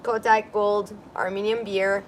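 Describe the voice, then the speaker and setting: The audio is poor, with outdoor street noise and traffic from the busy street beside her balcony, where a woman hosts a casual livestream. Chatty and giggly, she reads comments aloud. Her medium-pitched voice shows little pitch movement and runs a little slow.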